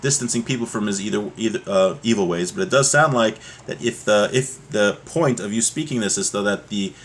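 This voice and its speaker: A man with a lowish voice, speaking a little fast against slight background noise, teaches a religious text. He reads aloud and explains it step by step, often pausing to ask rhetorical check-in questions.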